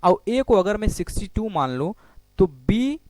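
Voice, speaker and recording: A man with a high voice teaches a geometry class for exam students, recorded close to the mic with almost no room sound. He explains step by step, asks a question and then answers it himself. He keeps checking in with short repeated words. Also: sing-song, unhurried, a little mellow, no echo. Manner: repeats "ठीक है" often while explaining on a board. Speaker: maths teacher. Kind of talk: exam-prep geometry lecture.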